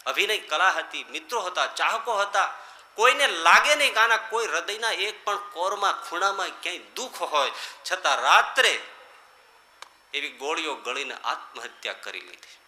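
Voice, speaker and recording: Male monk preacher, bright forceful tone, fairly high voice, echoey hall. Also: animated, moderate pace, slight background noise. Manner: rhetorical, swinging between loud emphatic lines and quiet low ones. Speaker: monk giving a scripture discourse. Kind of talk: sermon.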